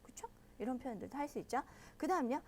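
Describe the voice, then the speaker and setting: Brief: bright high-pitched female teacher, patient, walks learners through each point. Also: lively intonation. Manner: patient, explains step by step and checks in with listeners often; models pronunciation slowly and loudly. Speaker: Japanese language teacher. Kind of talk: online language lesson.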